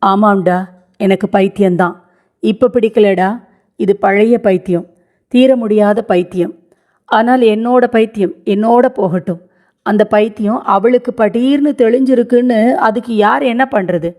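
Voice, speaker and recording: A woman's voice: medium pitch, unhurried, darkish tone, lightly acted. A woman voicing a grieving elderly grandmother in a read-aloud story, lamenting and pleading through tears. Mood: quiet, steady. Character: grieving elderly grandmother, widowed young, stubborn.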